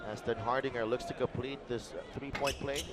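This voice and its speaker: A man's voice: medium pitch, fairly even intonation, brisk, very noisy. A man giving live colour commentary and analysis on a basketball game. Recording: loud music behind commentary.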